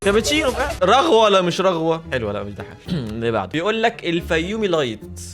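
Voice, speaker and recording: A young man with an Egyptian Arabic accent reacting to clips with lively, laughing casual commentary over background music. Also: high voice, rapid-fire. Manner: lively, laughing, swears often. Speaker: reaction video host.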